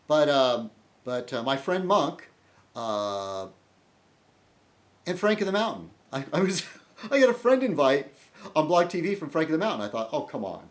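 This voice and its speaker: A man's voice: on the high side, sing-song, moderate pace, pauses often. A man hosting a casual video blog monologue, rambling and breaking off mid-sentence while he answers his commenters. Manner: rambling, self-interrupting, addresses commenters. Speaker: video blogger host.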